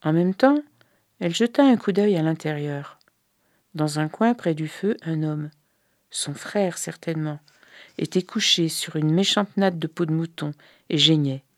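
A woman reading a folk tale aloud in a calm, measured way. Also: deep voice, no room sound, studio quality. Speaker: storyteller.

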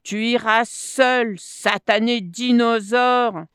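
A clever male monkey from a storybook, as a woman reading puts him on, yelling scornful insults in a raised, sharp voice. The recording is dry and close with no room around it. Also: on the high side, lively intonation, takes it slowly, no echo, pitched above the performer's own voice. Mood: mocking. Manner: shouting insults, sharp and mocking.

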